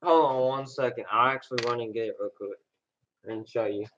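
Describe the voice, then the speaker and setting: The recording is dull and lo-fi. A man talks casually at a middle pitch, rambling and hesitating as he thinks aloud. His delivery is unscripted and conversational. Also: brisk, fairly bright tone, slight background noise. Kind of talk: casual chat. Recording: dull lo-fi sound.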